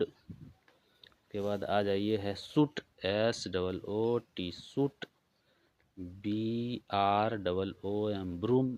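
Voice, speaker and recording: Male tutor, Bihari Hindi accent, low voice, unhurried letter-by-letter spelling. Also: a little mellow, smooth, muffled recording. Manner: spells words out letter by letter, slow and patient. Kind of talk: workbook walkthrough lesson.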